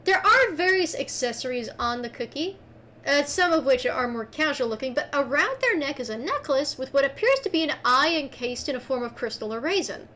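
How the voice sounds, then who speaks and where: Animated lady gm describing scenes, high pitched, swoopy delivery. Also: fairly quick. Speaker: game master. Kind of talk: narrating a tabletop game.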